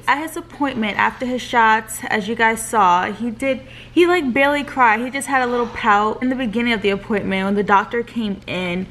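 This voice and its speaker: A woman's voice: fairly high pitch, fairly bright tone, slight background noise. A young woman and new mother talking casually to her vlog audience, chatty and leaning on "like" as she tells the story. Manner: chatty, leans on "like" as filler. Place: pediatric clinic exam room.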